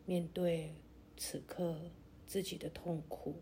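A woman narrating a guided meditation like a sleep story, in a gentle, soothing, deliberate way with long pauses. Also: lowish voice, level tone, slight background noise.

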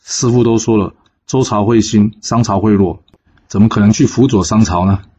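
A man's voice: lowish voice, moderate pace, warm tone, slightly rough, highs cut off. A man voicing a weary male strategist who grumbles reluctantly, in a told folk story. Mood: grumbling. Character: weary male strategist, hesitant and put-upon.

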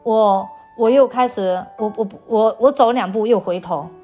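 Interview guest, woman from China, slightly high voice; halting, repetitive storyteller sharing her testimony. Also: mellow, faint music behind. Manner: hesitant, repeats words, trailing 哈 tags. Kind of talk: personal faith testimony storytelling.

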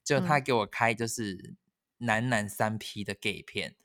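A man chatting casually, telling a story with lively, animated quoting of others. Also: normal speed. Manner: animated, acts out quotes with sudden high squeals. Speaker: storyteller in a chat. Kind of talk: casual chat.

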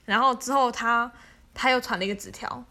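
A woman's voice: a little high, steady tone, a little fast, sharp tone. A woman, casually telling stories as a podcast host, chatty and laughing often. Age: 20s. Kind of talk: casual storytelling monologue.

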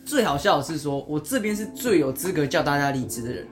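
A woman with a Taiwanese Mandarin accent co-hosting a podcast in casual chat, animated and laughing often. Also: deep voice, fast. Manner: animated, laughs often, mixes English words. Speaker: podcast co-host.

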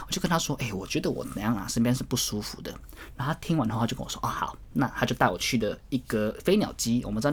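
Husky chatty man telling a gym story. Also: mid-range voice. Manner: chatty, rambling, demonstrates exercises while talking. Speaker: gym-goer vlogger. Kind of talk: casual storytelling.

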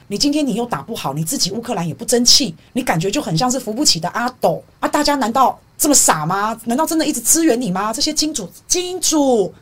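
Fast, husky woman commentator. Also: fairly high pitch. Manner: emphatic, full of rhetorical questions. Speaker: podcast host. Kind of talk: political commentary monologue.

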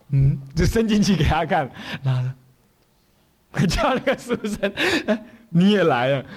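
A man with a Taiwanese Mandarin accent, a Buddhist abbot telling stories in a sermon, acting out the characters and often asking the audience to agree. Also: sits high. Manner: acts out characters' voices while telling stories. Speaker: Buddhist abbot giving a dharma talk. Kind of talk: storytelling sermon.

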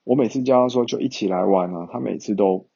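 A man's voice: fairly low pitch, quick pace, creaky, mellow, breathy edge, highs cut off. A young man, chatting casually to viewers in a rambling way with many fillers. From Taiwan.

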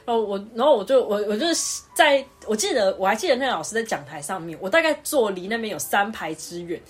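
A woman co-hosting a podcast, telling school stories in casual chat, animated and laughing often, stammering when excited. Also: mid-range voice, fast, slightly rough. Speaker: podcast co-host.

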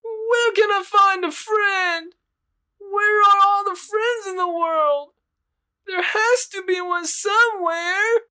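Woman playing a squeaky little lonely bird. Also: slow, pushed and bright, heavily acted. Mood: wistful. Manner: very high, chirpy and childlike. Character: little lonely male bird, sweet and eager. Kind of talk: children's storybook acting.

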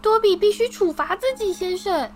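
A woman voicing a small, servile male house-elf with a high, shrill, squeaky voice and an overwrought, deferential manner. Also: animated, normal speed, slight background noise. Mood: anxious.

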